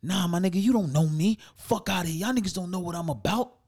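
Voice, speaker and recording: Man acting out an irate, high-pitched New York tough guy. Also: very animated, moderate pace. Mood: threatening. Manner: loud, aggressive, slangy. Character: angry, confrontational streetwise male customer.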